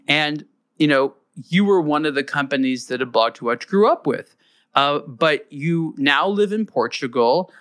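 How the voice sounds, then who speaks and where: A man's voice: fairly high pitch, animated, a little slow, a bit bright, clean tone. A man hosting a podcast interview, chatty and loose, often repeating words as he starts a thought. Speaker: podcast host. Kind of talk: casual interview.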